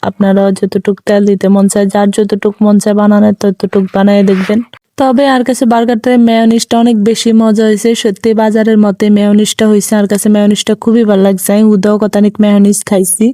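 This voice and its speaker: A woman with a Chandpur Bengali dialect talks over her cooking footage at a brisk clip. Her tone is mellow and low-key, the pitch stays flat, and the recording is close and dry. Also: no room sound. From Bangladesh. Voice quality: chatty, rambling, self-deprecating. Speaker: cooking vlogger. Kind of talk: casual voice-over narration.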